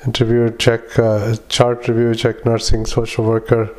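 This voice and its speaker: A man doing medical dictation in halting, clipped fragments, speaking punctuation aloud as a clinician recording patient notes. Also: medium pitch, completely flat delivery. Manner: halting, fragmented clipped phrases with frequent long hesitations.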